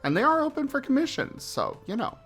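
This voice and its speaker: A man's voice: extremely high pitch, huge pitch swings, brisk, fairly bright tone, faint music behind. A man hosting a casual gaming livestream, talking upbeat and easygoing over headset audio. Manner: upbeat greetings, easygoing and chatty. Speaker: streamer host.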